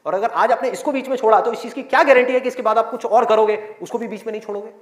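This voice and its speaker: A man's voice: sits high, very fast. A man giving a motivational speech to students in a large hall, asking rhetorical questions and acting out their inner voices. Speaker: motivational speaker. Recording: echoey hall, faint crowd.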